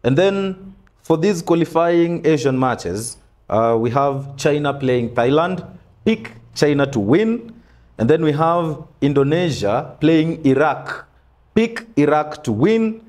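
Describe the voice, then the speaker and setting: A young man hosting a sports betting-tips show in a small studio, running through picks in a relaxed, casual way. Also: a little high, slow pace. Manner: relaxed, lists picks with frequent "mm" backchannels. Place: small studio in front of a brick wall backdrop.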